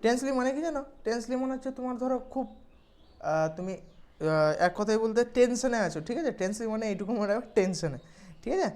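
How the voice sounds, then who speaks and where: A woman's voice: a little high, lively intonation, quick pace, a little mellow. A woman, explaining English exam questions in a casual lesson and checking in often with her students. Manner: conversational, checks in with "okay?" often.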